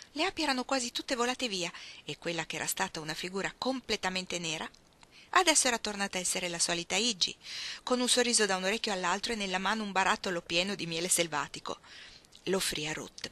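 A woman reading a novel aloud with steady, expressive storytelling. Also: on the low side, fast talker. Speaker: reader. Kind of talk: audiobook reading.

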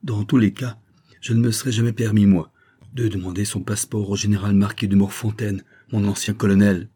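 A man voicing a dutiful, uneasy gendarme sergeant in an audiobook, speaking deferentially and apologetically with a husky voice. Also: fairly low pitch, flat delivery, brisk, dark tone. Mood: earnest.

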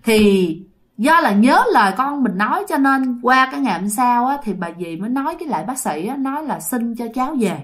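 Her pitch fairly high and her delivery expressive and fairly quick, a woman with a Southern Vietnamese accent relates a ghost story. She keeps it chatty, addressing her listeners head-on.

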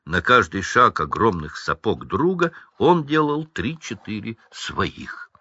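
A man reads a storybook in a calm, unhurried way, his voice low yet bright. The sound is dry and a little dull, close to the mic. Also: husky, no echo. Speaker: audiobook reader. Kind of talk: storybook narration.

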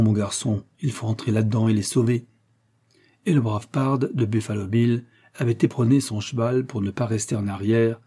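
Un narrateur de livre audio, lecture posée et régulière, voix grave et feutrée au grain légèrement voilé. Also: male voice, mid-range voice, husky. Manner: steady, measured. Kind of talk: audiobook reading of an adventure novel.

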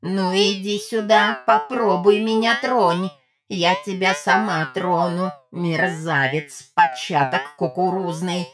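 A woman reading an audiobook, voicing a talking coffee machine with a metallic, scraping voice that hurls slow, drawn-out insults. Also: fairly low pitch, music in the background. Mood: angry scolding. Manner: slow, drawn-out scolding full of odd insults. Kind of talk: audiobook character voice.

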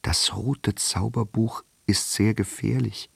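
A man's voice: on the low side, steady tone, slow, vocal fry, fairly bright tone, husky, no echo, full character voice. A man voicing a nervous, fussy old wizard who soothes and explains. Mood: explaining. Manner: anxious, reassuring, explanatory.

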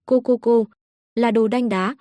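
A woman voicing a hot-tempered yelling husband. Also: on the high side, steady tone, unhurried, dry recording, close to an everyday voice. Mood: furious. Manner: yelling and furious.

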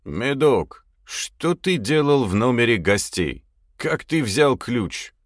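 A man's voice: medium pitch, big pitch swings, slow pace, dry recording, clean studio sound, voice pushed up. A man voicing a flustered, uneasy older male innkeeper who mumbles.

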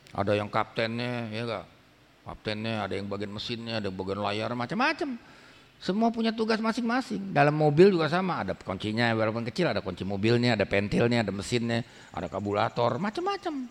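A man giving a colloquial, emphatic religious talk, his pitch swinging up sharply for emphasis. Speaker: preacher. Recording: long hall reverb.

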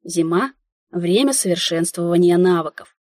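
A woman narrating a first-person audiobook in a wry, lively inner-monologue manner. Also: lowish voice, moderate pace, no room sound, clean studio sound.

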